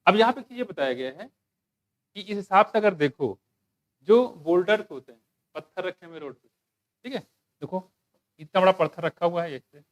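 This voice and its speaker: A man teaching a biology class, asking students questions, joking and reading textbook lines slowly. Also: high voice, animated. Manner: asks students questions and jokes, mixing Hindi with English textbook lines; slows down to read English lines aloud. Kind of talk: classroom lecture.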